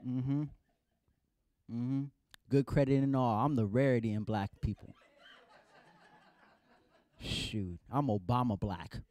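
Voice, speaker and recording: A man's voice: mid-range voice, takes it slowly, long pauses, a little mellow, a little hiss or hum. A young man from San Jose doing a stand-up set, playful and mock-indignant as he chats with the crowd. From San Jose, California. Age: young adult. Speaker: stand-up comedian.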